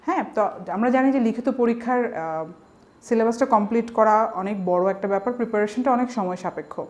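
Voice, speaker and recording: A woman with a Bangladeshi Bengali accent leads a recorded exam-prep vocabulary class. Her voice sits a little high, and she explains each word patiently. She keeps asking the class rhetorical questions as she goes. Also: a little fast, darkish tone. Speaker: vocabulary teacher. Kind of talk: online exam-prep lecture.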